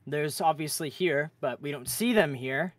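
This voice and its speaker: A woman's voice: low voice, normal speed, no echo. A woman running a game roleplay as game master, narrating and chatting casually with players.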